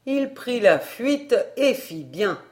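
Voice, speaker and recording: Expressive woman reading a tale aloud. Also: a little high, takes it slowly. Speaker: audiobook narrator. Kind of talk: storybook narration.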